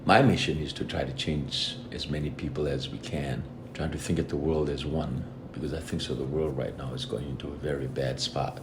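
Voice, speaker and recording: Very deep-voiced man. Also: brisk, few pauses, background noise. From Fiji. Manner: earnest, reflective, steady storytelling. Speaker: guest, lead singer of a reggae band. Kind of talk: casual interview conversation.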